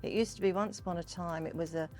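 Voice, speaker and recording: A woman's voice: fairly low pitch, fairly even intonation, fast, a little mellow, faint music behind. An older woman, chatting in a discursive, storytelling way as she gives an informal interview. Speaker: Pearly Queen and community fundraiser, interviewee. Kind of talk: informal interview talk about history and culture.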